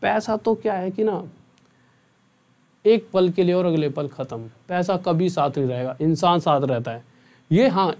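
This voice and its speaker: A man's voice: high voice, a little mellow. A young man, a math teacher, chatting earnestly with students at the end of an online class and often checking in with them. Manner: chatty and earnest, often asks "theek hai?".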